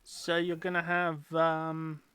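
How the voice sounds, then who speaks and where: A woman's voice: deep voice, completely flat delivery, slow, a bit bright, clean tone, no room sound, studio quality. A woman running a tabletop game as game master, casually narrating and explaining rules.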